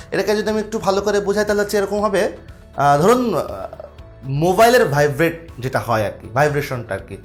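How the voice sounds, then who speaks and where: A young man with a Bangladeshi Bengali accent, teaching an exam-prep lesson in a casual way. He explains step by step and keeps asking rhetorical questions. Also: high-pitched.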